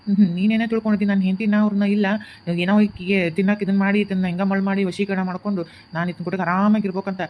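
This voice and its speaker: A woman's voice: mid-range voice, flat delivery, natural voice. Woman voicing a bitter young husband with North Karnataka speech. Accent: North Karnataka Kannada. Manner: bitter, stubborn, quick. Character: grieving young husband rejecting his new wife. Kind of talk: cartoon voice acting. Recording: muffled lo-fi home recording.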